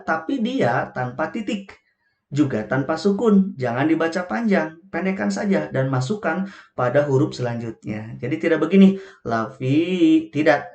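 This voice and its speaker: Male tajweed teacher, patient and repetitive, slow chanted examples, roomy echo. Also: medium pitch. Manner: patient, repeats "gitu ya" often; slowly chants Arabic examples. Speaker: Quran recitation teacher. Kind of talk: online tajweed lesson. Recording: echoey room.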